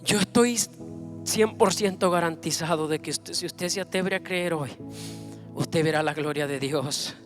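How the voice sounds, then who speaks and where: A man preaching a sermon with fervour, building up to loud proclamations. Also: a little high, measured pace, music in the background. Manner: fervent, rising to loud proclamations.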